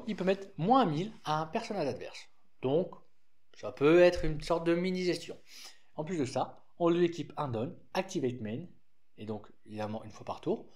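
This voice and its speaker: A man's voice: medium pitch, a little mellow. French man with a lisp, casual. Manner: rambling, frequent restarts and fillers, informal. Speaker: card game deck presenter. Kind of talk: casual deck explanation.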